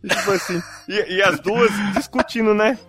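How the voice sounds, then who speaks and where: A man's voice: sits high, moderate pace, husky, soft background music. A young Brazilian man in his twenties with a Brazilian Portuguese accent, telling a funny story in casual chat and acting out the voices of the people in it. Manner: animated, acts out voices in his stories.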